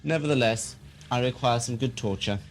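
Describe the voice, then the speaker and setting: A man's voice: medium pitch, normal speed, a little hiss or hum, lightly acted. An actor playing a tyrannical, sadistic warlord in an audio drama, commanding and theatrical in his menace. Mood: cruel, ranting. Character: tyrannical, sadistic male warlord, imperious and quick to fury. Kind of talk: audio drama villain acting.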